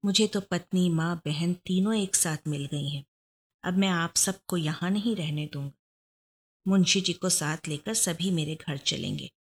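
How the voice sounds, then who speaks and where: An affable, well-off young man, played by a woman reading a story. He jokes warmly and speaks with earnest feeling. The voice stays close to the narrator's own, slightly low. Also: unhurried. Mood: warm, joking. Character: rich affable young man, warm and joking.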